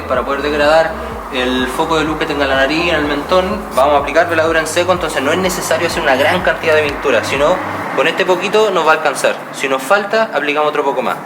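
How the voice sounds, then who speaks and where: A man, demonstrating mural painting step by step and checking in with his students as he goes. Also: on the high side. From Chile. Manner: explanatory, checks in with "¿cierto?". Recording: roomy, distant mic, music behind.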